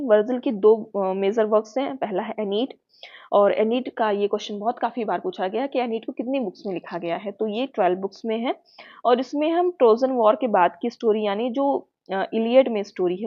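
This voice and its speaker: A woman with an Indian accent giving an exam-prep lecture, explaining patiently and checking in with her students often. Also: fairly high pitch. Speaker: teacher. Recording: muffled lo-fi sound.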